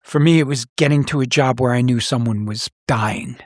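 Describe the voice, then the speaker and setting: A middle-aged man, once a police officer and now a podcast host, tells personal stories conversationally in a serious, plain-spoken, reflective tone. He speaks at a normal speed in a mid-range voice. There's no room sound, and the quality is studio grade.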